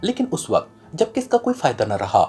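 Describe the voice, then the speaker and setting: A man's voice: fairly high pitch, huge pitch swings, darkish tone, slightly rough, heavily acted. A man reading a cornered woman agency chief. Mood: pleading. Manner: quick, pleading.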